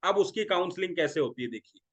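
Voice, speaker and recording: Middle-aged male sales trainer from India, slightly high voice, rhetorical questions and acted-out dialogue. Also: animated, fast talker. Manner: talks through role-played dialogues, asking the audience questions. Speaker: direct selling trainer. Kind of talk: motivational sales training talk.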